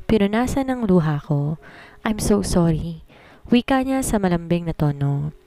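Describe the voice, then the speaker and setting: A woman narrating a romance story in the first person with a steady, even reading. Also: lowish voice, no room sound.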